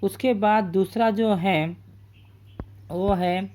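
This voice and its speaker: A man's voice: high voice, steady tone, drawn-out words, darkish tone. A man teaching Hindi grammar as a patient teacher, explaining step by step and often checking in with his students. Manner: patient, repeats points with "ठीक है". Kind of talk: classroom grammar lesson.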